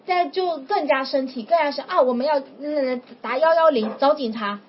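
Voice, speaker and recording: A woman preaching informally to a small group, telling a story in a chatty, animated way. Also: high voice, fairly quick. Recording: dull lo-fi with faint noise.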